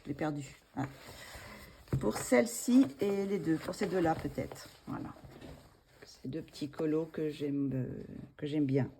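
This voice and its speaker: Soft-spoken, low-voiced French woman. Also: a little slow, a little hiss or hum. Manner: hesitant, many fillers and restarts. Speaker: coloring channel host. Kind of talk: casual show-and-tell vlog.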